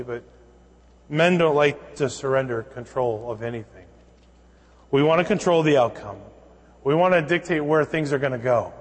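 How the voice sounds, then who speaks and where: A man preaching from the pulpit in a church sanctuary, his voice trailing into a long hall reverb. He tells stories and acts out the dialogue, then rises into emphatic, insistent preaching. His pitch sits in an ordinary middle range. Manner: storytelling with acted dialogue, rising to emphatic preaching. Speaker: pastor. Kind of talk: sermon.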